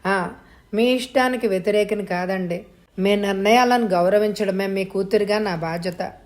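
A woman voicing a quiet, respectful young woman who speaks softly but steadily in an audiobook story. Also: mid-range voice, normal speed, natural voice.

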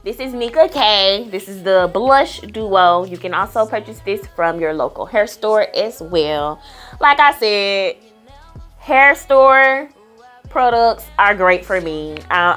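A sassy woman talks viewers through her makeup with playful asides. Her voice sits at an average pitch, with music playing behind it. The delivery is casual and direct, like a beauty vlogger's tutorial. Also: a little slow, fairly bright tone. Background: background music.

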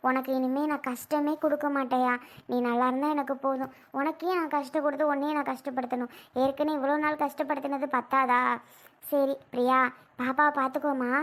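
A woman playing a sister who is sadly leaving her family, speaking in a soft, pleading way in a family drama skit. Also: sits high, natural voice. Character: grieving sister leaving home for her in-laws.

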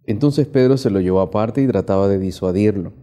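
Low, dark-voiced priest preaching. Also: male voice. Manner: measured teaching tone, repeated rhetorical questions. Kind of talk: gospel reading and homily. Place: small indoor chapel.

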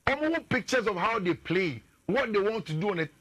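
Ghanaian man with a bright, high voice. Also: brisk. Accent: Ghanaian English. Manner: animated, standing and gesturing at a screen. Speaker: radio sports analyst. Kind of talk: football tactical analysis. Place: radio studio.

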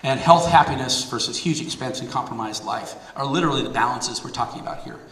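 A middle-aged man giving a public talk and taking audience questions, energetic and fond of repeating words for emphasis. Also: mid-range voice, quick pace. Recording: roomy hall, mic at a distance.

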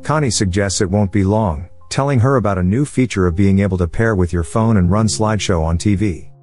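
A man reading a scripted movie recap as narrator, with a steady, even storytelling delivery. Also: fairly low pitch, fairly quick, soft background music.

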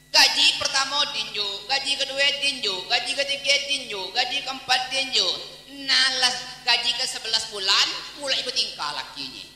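A man's voice: extremely high pitch, normal speed. A man preaching a humorous sermon in a Palembang Malay accent, telling stories and acting out dialogue. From Palembang, Indonesia. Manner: lively storytelling, mimics dialogue, breaks into song snippets. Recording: echoey hall with long reverb.

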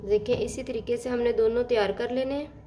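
High-voiced woman calmly guiding a recipe. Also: brisk, slight background noise. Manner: calm, explains each step with "ye dekhiye". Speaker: cooking channel host. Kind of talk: step-by-step cooking instructions. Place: home kitchen.

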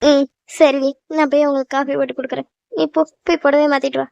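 A woman's voice: high voice, flat delivery, quick pace, gravelly, darkish tone, dry recording, lo-fi sound. A woman voicing a worried, loving cartoon mother who fusses and pleads with her newly married daughter. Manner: fussing, emotional, pleading. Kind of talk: cartoon voice acting.

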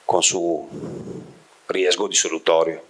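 A middle-aged Italian-born man lectures to a seated audience in a small bookshelf-lined room, holding a microphone close. His voice sits very low, and he keeps pausing to check that his listeners follow him. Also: level tone. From Italy. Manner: frequent checking questions to the audience, thinking aloud. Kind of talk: university-style lecture to a live audience. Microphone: handheld microphone.

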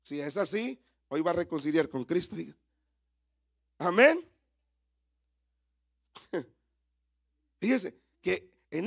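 A man in his thirties preaches at a church service, his voice sitting a touch high. He keeps turning to the congregation with rhetorical questions and calls for their response. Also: creaky. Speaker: pastor. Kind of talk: sermon.

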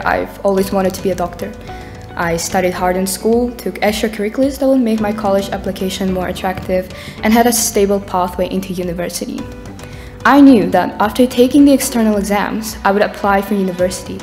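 Earnest and mid-pitched with a darkish tone, a Ukrainian teen girl reads her prepared speech from notes at a lectern. As a student speaker on a conference stage in a dark hall, she rises in intensity toward the finish.

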